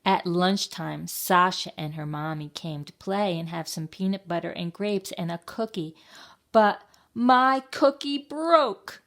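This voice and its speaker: A woman librarian reading a picture book aloud to children in a slow, expressive storytime voice. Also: lowish voice, creaky.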